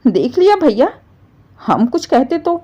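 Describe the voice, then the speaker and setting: A woman's voice: on the high side, lively intonation, a little slow, mellow, muffled recording. A woman voicing a young married daughter who accuses her sister-in-law in a whiny, tearful way. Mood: accusing. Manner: whiny, accusing, rises sharply.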